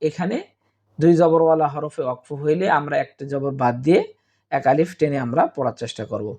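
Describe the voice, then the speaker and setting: A man teaching Quran reading in Bengali, spelling out letters and vowel marks slowly and repeating syllables for students. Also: on the high side, a little mellow. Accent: Bangladeshi Bengali. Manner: slow, drawn-out spelling of letters and vowel marks, then recited Arabic words.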